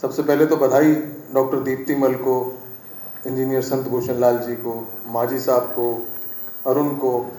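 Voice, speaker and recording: A man's voice: medium pitch, level tone, a little slow, warm tone. A middle-aged man, a satirical poet, addressing a live audience in an earnest, reflective way before reading his verse. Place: large echoey hall. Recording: echoey live hall sound.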